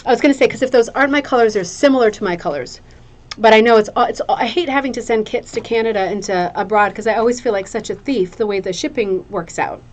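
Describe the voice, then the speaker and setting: A woman hosting a craft show in a casual, chatty way, gushing and rambling, often repeating phrases for emphasis. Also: mid-range voice. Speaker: craft show host presenting viewers' hooked rugs.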